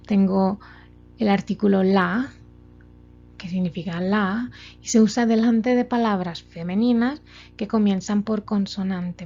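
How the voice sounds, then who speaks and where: Speaking in a creaky, dark-toned mid-range voice, this female language teacher guides listeners through grammar slides one step at a time. She goes slowly and methodically, leaning on many examples. The audio is dull and lo-fi, with faint background music.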